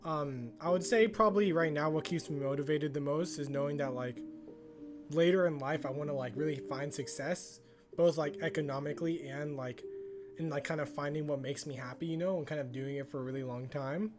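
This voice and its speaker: A man's voice: a little high, fairly quick. Man, 19, casual filler-heavy interview answers, music in the background. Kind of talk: documentary interview.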